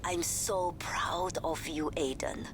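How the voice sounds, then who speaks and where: A doting British mum. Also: female voice, fairly low pitch, fairly even intonation, slow. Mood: fond. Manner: fussy, affectionate, soft-spoken. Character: doting mother of a young racing driver. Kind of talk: video game cutscene dialogue. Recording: game audio with clear background noise.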